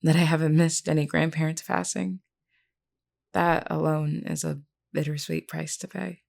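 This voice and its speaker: The voice of a vampire queen in an intimate audio roleplay belongs to a woman whose low, creaky tone barely shifts in pitch. Gentle, candid, and wistful, she reassures one listener in measured, formally worded speech.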